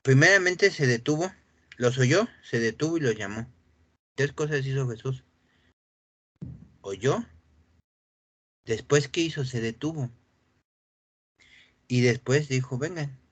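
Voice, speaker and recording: A man preaching with real animation, leaping up in pitch when he acts out the scripture scene. He often stops to clear his throat. The recording is dry and close, with little room sound. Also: slow, pauses often, a bit bright, no echo. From Mexico. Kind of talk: sermon.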